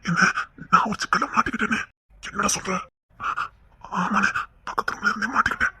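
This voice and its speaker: A woman acting out a family serial, moving between brotherly scolding and tender coaxing in a husky voice. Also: mid-range voice, fairly even intonation, brisk, sharp tone. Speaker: storyteller voicing a whole family.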